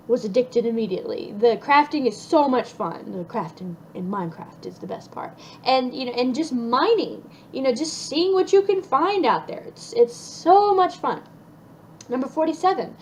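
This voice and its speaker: A woman's voice: on the high side, a little hiss or hum, rough recording. A young woman chatting casually through a list of her favorite things, upbeat with lots of ums and restarts. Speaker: vlogger.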